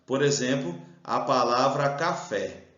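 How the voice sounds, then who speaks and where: A man's voice: medium pitch, slow, fairly bright tone. A Brazilian male teacher works through an exam-prep grammar lesson, explaining each step and drawing out the stressed syllables. His voice sounds roomy and slightly dull. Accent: Brazilian Portuguese.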